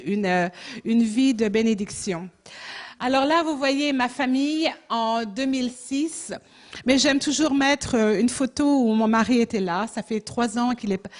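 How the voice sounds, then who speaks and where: Hesitant French woman missionary, higher voice. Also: a little mellow. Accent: French with a slight Jamaican tinge. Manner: hesitant, searching for words with frequent restarts. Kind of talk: missionary presentation in church. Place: church.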